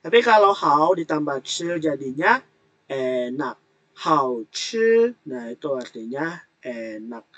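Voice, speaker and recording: A man teaching an online language class, explaining words and tones patiently and repeating them slowly. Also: fairly high pitch, very animated, a bit bright. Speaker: Mandarin teacher.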